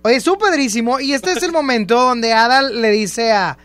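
Una mujer con acento mexicano que conduce un programa de radio, hablando de forma efusiva y con muchas exclamaciones. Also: female voice, on the high side, normal speed. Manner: excitable, exclamatory, chatty. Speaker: radio host. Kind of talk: lively radio chat over music. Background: music underneath.

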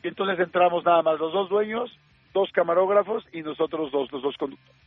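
A man with a Mexican accent, a radio host telling an anecdote in a lively way, full of fillers and acted-out quotes. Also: sits high, a little fast, dry recording. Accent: Mexican Spanish. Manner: lively storyteller acting out quoted dialogue, many fillers. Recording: narrow phone-like sound, faint music.

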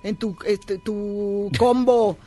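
A man with a strikingly high voice, talking in a playful, campy way as a guest in a radio studio. He promotes his cabaret show in a put-on foreign accent and keeps dropping "papi" into his lines. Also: steady tone, extremely slow, dark tone, soft background music. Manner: flamboyant, calls everyone "papi", puts on a foreign accent. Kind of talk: playful comedic promo chat.

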